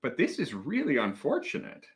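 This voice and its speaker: Laughing, chatty livestream host. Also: male voice, mid-range voice, huge pitch swings, moderate pace. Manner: chatty, reads out viewer comments, laughs often. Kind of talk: casual livestream chat.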